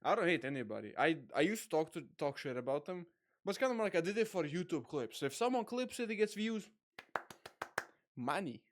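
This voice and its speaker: A young man hosting a casual online chat, rambling with lots of fillers and quick laughs. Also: a little high, sing-song. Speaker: podcast host.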